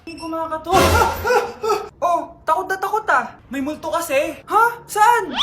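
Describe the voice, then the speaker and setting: A woman acting out every part in short comedy skits, loud and animated as she switches between a mother and her child. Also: very high-pitched, measured pace, very noisy. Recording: roomy sound with music underneath.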